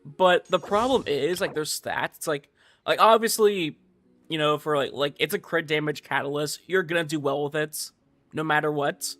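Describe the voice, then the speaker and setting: Playing a gacha game on a livestream, this man chats informally and comments in slang, leaning heavily on filler words. His voice sits on the high side with a touch of brightness, and his speed is normal.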